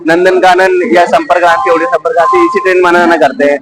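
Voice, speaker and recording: A man's voice: sits high, level tone, racing, over loud music, poor audio. A man speaking off the cuff as a passenger in an eyewitness interview, repeating phrases as he recounts. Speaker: train passenger being interviewed.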